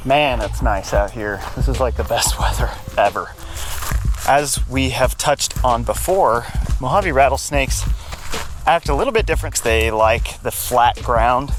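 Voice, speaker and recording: A man's voice: mid-range voice, animated, unhurried, over music. A man working as a snake remover and vlog host, chatting outdoors in an easygoing, informal way. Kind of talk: casual chat, on-location vlog. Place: outdoors in a backyard. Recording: clear outdoor background noise, clicks.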